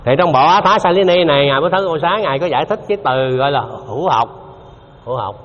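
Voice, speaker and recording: A man's voice: on the high side, quick pace. A man giving a Buddhist dharma talk, conversational, repeating himself and quizzing his listeners. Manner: conversational, repeats himself, asks the audience questions. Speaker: Buddhist teacher. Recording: dull lo-fi hall recording with faint noise.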